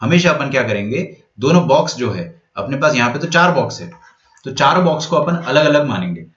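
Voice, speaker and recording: A man's voice: medium pitch, fairly quick. A young man gives an exam-prep maths lecture, keeping it moving by asking questions and then answering them himself. He slips English phrases into his Hindi, and his voice sits in a middle register. The recording is roomy and somewhat dull, with a lo-fi edge. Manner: lively, asks and answers his own questions. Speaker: maths teacher. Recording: echoey room, dull lo-fi sound.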